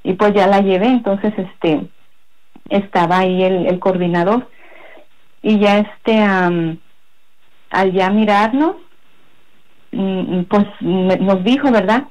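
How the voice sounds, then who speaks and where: A woman giving a personal religious testimony in a halting, rambling way, full of fillers. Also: medium pitch, steady tone, darkish tone, rough recording. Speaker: guest giving a faith testimony.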